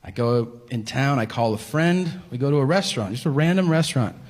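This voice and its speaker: A man performing a stand-up routine, telling a story with exasperation and acting out flat, deadpan characters. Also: mid-range voice, a little fast. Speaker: stand-up comedian. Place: comedy stage before a live audience. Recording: long hall reverb, faint ambient noise.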